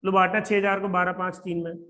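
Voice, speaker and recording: A man with a high voice teaches an accountancy lesson. He keeps checking with his students whether they follow. He slows down to repeat English lines from the question in an Indian accent. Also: flat delivery, pushed and bright. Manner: repeats English phrases slowly while reading a question. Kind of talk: classroom lecture.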